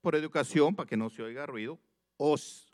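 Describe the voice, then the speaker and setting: A man preaching a sermon, reading scripture slowly and with emphasis, repeating phrases and putting questions straight to his listeners. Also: a little high. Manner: addresses listeners directly with questions.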